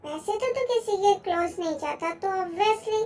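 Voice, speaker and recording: A woman's voice: very high voice, animated, unhurried, a little mellow. A woman voicing a young man who is a cheeky, teasing best friend in a fan-dubbed story. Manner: teasing, bossy.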